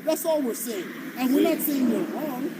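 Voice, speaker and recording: A man's voice: very high-pitched, normal speed. A man from Jamaica preaching on the street, emphatic and confrontational, firing rhetorical questions. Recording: distant mic, clear street traffic noise.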